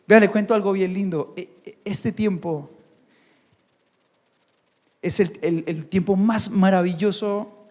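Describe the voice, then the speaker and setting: High-voiced preacher in an echoing church. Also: male voice. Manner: animated, acts out quoted voices and shouts. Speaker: pastor. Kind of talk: sermon. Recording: church hall reverb.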